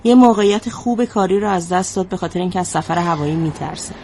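An actress playing a female therapist who asks calm, probing questions. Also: lowish voice, slight background noise, close to an everyday voice. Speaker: psychologist. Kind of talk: drama dialogue.

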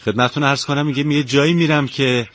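A man's voice: mid-range voice, fairly even intonation, fairly bright tone. A man hosting a radio interview who speaks with formal politeness. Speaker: radio host.

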